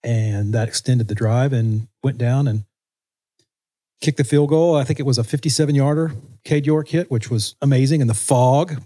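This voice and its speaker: A man's voice: mid-range voice, moderate pace, dark tone. A man co-hosting a casual podcast, rambling loosely with hesitations. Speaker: podcast co-host, musician.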